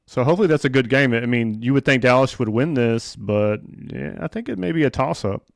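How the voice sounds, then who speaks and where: A man hosting a casual sports chat, talking like an excitable fan. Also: mid-range voice, brisk, creaky, no echo, clean studio sound. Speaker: podcast host.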